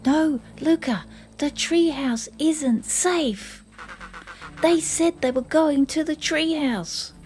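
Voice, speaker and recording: A woman's voice: sits high, takes it slowly, darkish tone, soft background music, pitched above the performer's own voice. An older woman voicing a young boy who calls out urgent warnings. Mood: frantic. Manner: urgent, calling out.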